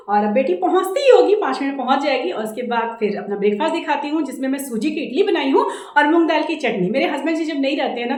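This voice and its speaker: A woman in her thirties from India with a Jharkhand Hindi accent, talking loudly and quickly in a casual home vlog, recorded on the camera's own mic. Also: sits high. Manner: loud and fast-talking. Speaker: vlogger. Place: indoors at home. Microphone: camera mic without a separate microphone. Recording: echoey room, voice from camera distance.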